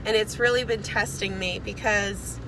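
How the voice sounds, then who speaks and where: Her pitch is medium and her tone steady at a moderate pace as this young woman, a network marketing seller, chats through a casual video message. She's getting over a cold and rambles with many fillers, filmed on her phone in a car with air conditioning on, so the background is noisy.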